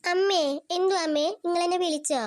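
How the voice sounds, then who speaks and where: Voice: very high voice, steady tone, fairly quick. A performer voicing a clever, sweetly cunning young daughter-in-law in a cartoon. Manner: polite and sweet, then smug. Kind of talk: cartoon voice acting.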